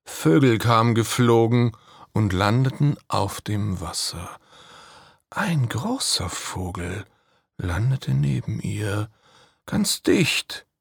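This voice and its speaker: A man telling a fairy tale in slow, measured narration with hushed dramatic pauses. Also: fairly low pitch, lively intonation, vocal fry, breathy edge, no echo, studio quality. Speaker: storyteller.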